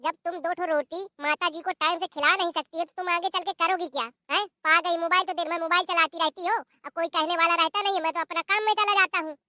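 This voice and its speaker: A woman's voice: extremely high pitch, fairly even intonation, quick pace, few pauses, bright, forceful tone, no echo, studio quality. A woman voicing a stern young village husband in a cartoon, lecturing with a Bundelkhandi Hindi accent.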